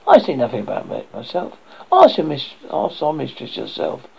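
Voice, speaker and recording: A reader voicing a bossy, scornful little hen who lectures in a gravelly, husky voice. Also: medium pitch, huge pitch swings, normal speed, exaggerated voice, low-quality recording. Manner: lecturing, haughty.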